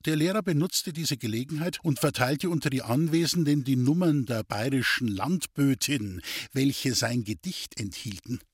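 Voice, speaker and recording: Husky man reading a story aloud. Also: medium pitch, lively intonation, normal speed, few pauses, no echo, clean studio sound. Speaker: audiobook narrator. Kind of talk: scripted narration.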